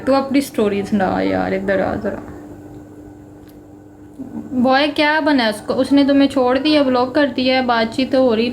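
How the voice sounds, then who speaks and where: A woman's voice: on the high side, a little mellow, a little hiss or hum. A young woman with a Punjabi accent, chatting and joking with viewers on a casual livestream. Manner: chatty, joking and self-mocking, mixing Punjabi into Hindi. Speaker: livestream host.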